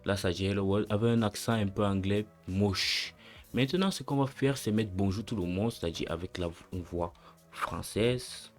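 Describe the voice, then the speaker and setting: A young guy runs a laid-back coding tutorial, chatting through every step in slangy, relaxed language and fixing his own slips as he goes. His voice sits on the lower side at an ordinary pace, with gentle music playing underneath.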